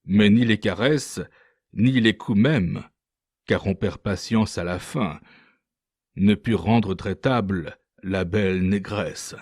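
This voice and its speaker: A man narrating a classic story with a measured, dramatic reading. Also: on the low side, darkish tone, husky, no echo, studio quality. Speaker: audiobook narrator. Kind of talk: scripted narration.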